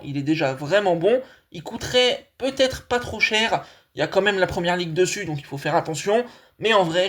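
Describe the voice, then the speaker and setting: A young man with a fairly high voice hosts his own football channel. He talks in a casual, enthusiastic way and keeps addressing his viewers as friends. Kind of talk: casual analysis monologue.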